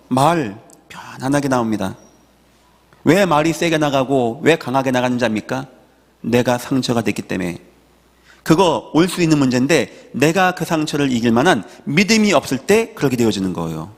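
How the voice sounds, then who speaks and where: Korean pastor preaching in a reverberant hall. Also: male voice. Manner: preaching with sudden swells in pitch and slowed emphatic phrases. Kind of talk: sermon. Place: church sanctuary.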